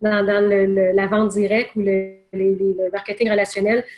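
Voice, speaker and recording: A woman's voice: medium pitch, little pitch movement, normal speed, a little mellow, roomy sound, soft background music. A woman giving a sales training seminar in a conversational way, with many restarts and fillers.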